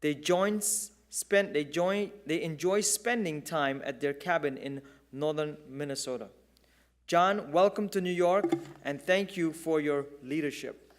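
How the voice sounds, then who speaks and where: Formal male presenter introducing a speaker. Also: a little high. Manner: measured, formal. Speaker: event presenter. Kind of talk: scripted introduction.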